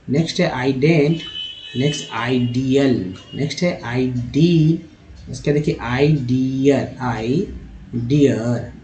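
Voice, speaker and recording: A man's voice: medium pitch, darkish tone, a little hiss or hum. A man teaching English reading, spelling out letters and sounding out words one by one. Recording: echoey room.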